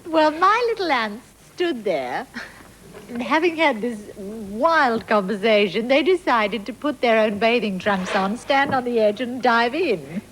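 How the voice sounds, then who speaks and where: A woman on a comedy game show panel, telling a whimsical story in a slow, drawn-out way. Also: a little high, expressive, fairly bright tone, rough recording. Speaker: celebrity panelist.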